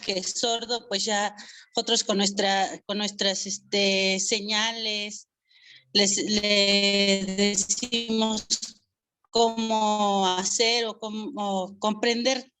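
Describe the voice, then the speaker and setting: A woman's voice: mid-range voice, level tone, very slow, sharp tone, soft background music. A woman, a student answering in an online class, hesitant and searching for words with many fillers.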